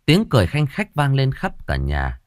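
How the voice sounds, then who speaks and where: A man narrating a horror story in a dramatic, expressive way. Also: mid-range voice, moderate pace, no echo, studio quality.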